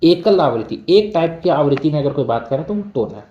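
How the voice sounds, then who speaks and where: A male teacher giving a line-by-line textbook lesson. He reads each line slowly, then explains it casually, asking questions and answering them himself. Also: fairly high pitch, animated, highs cut off. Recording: echoey room.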